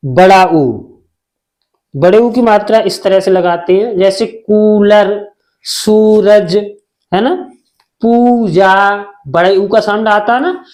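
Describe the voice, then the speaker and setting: Very slow, patient male language teacher. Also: sits high, a little mellow. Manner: asks a question and answers it himself; drawn-out, repeated syllables. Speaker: Hindi teacher. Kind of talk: slow spelling lesson.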